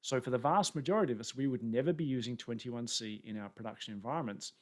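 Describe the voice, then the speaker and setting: This conference presenter is an Australian man whose medium-pitched voice moves fast as he gives a webinar from an indoor room. He sounds chatty and pokes fun at himself, coming through a webcam on a video call in his Australian accent.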